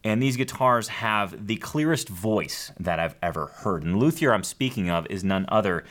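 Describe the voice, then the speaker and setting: A man hosting a podcast about acoustic guitars, upbeat and excitable, with jokes at his own expense. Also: on the low side, normal speed. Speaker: podcast host. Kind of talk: enthusiastic show hosting.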